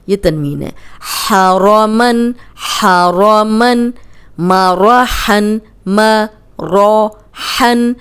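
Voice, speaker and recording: A woman teaching Quran recitation, drilling each word slowly and then explaining quickly in a lower voice. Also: clean tone. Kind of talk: slow drilled recitation lesson.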